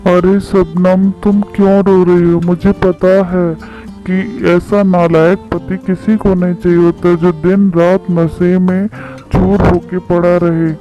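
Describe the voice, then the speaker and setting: A man voicing a lazy, remorseful young pigeon husband in a cartoon story, talking slowly and apologetically. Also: high voice, little pitch movement, dark tone. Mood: apologetic. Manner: slow, pleading and apologetic. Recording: slightly dull lo-fi recording. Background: background music.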